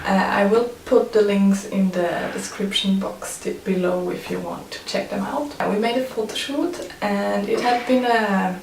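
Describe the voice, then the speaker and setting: A Swiss photographer whose first languages are German and French speaks English non-natively, with a Swiss accent, in a hesitant, casual vlog style. Her medium-pitched voice is gravelly, at a moderate pace with hardly any pauses, recorded in a roomy space on a distant mic with faint noise.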